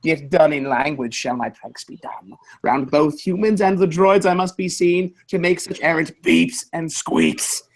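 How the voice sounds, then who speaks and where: A man reading a clever little droid, saying beeps aloud and then plotting in a quiet, sly verse soliloquy. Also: a little high. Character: small clever male droid, scheming pranks. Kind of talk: live Shakespearean verse reading.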